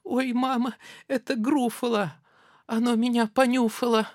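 A storyteller putting on a tiny, clever, boastful mouse with a squeaky, singsong voice. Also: lively intonation, measured pace, gravelly, fairly bright tone, no echo, studio quality. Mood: frightened. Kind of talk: storybook reading.

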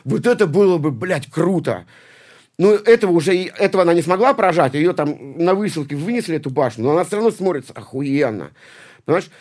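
A punk poet and musician from St Petersburg, Russia, in his late forties, appears as a guest in a casual interview, rambling, swearing heavily, restarting and repeating words. He talks fast in a fairly high, expressive and slightly mellow voice.

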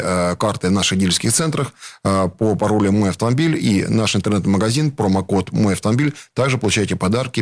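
A middle-aged man, a company executive guest, explaining his product off the cuff with frequent drawn-out hesitations. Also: fairly low pitch, dry recording, studio quality. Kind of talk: unscripted explanatory promotional talk.

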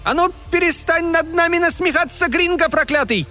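A man voicing a small, bloodthirsty male fairy with a hoarse, wheezing snarl. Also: very high-pitched, normal speed, sharp tone, soft background music, voice pushed up. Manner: snarling threats.

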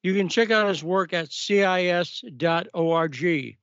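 A man's voice: sits high, a little slow, a bit bright, clean tone, dry recording. A man hosting a talk radio show, speaking to guests and listeners. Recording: dry, muffled audio.

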